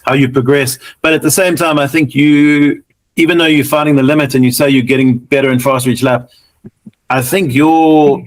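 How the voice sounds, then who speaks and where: A man's voice: medium pitch, fairly even intonation, normal speed, low-quality recording. A man hosting a casual podcast interview, chatty and agreeable with his guest. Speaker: podcast host.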